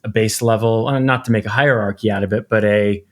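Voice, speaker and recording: A man's voice: fairly low pitch, fairly even intonation, brisk. A man hosting a podcast interview, talkative and playful, who jokes and laughs with his guest. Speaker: podcast host. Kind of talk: casual interview.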